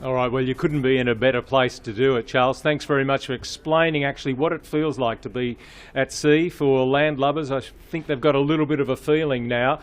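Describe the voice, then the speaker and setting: A man hosting a race news update, speaking in a relaxed way with many filler sounds. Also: mid-range voice, brisk.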